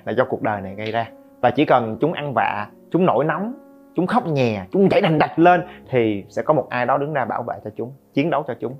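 A middle-aged man hosts a parenting podcast at a mid-range pitch. He talks in a lively way and addresses listeners with joking asides. The recording sounds slightly dull, with faint guitar music behind him. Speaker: podcast host.

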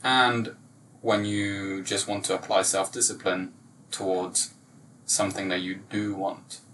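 A man hosts a relaxed conversation, asking thoughtful questions in a low, even voice that barely rises or falls. He sits away from the mic, with a faint room noise in the background. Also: a little slow, recorded from a distance, rough recording. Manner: reflective, asks probing questions, level delivery. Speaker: podcast host. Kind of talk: casual interview chat.

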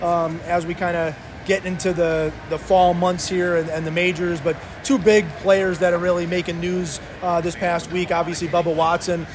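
A man co-hosting a casual sports talk show, speaking haltingly and often repeating words. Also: high voice, flat delivery, background noise.

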